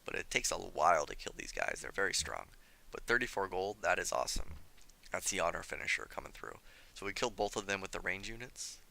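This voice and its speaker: Gravelly low-voiced man narrating gameplay. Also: big pitch swings, a little fast, sharp tone. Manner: self-critical, chatty, thinking aloud. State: slightly hoarse, losing his voice. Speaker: gameplay commentator. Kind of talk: let's play commentary.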